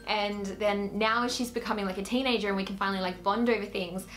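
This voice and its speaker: Soft background music accompanies a fast-talking woman whose mid-range voice keeps a fairly even intonation. She's a YouTuber in her 20s with an Australian accent, doing a relaxed Q&A to camera and saying "like" again and again.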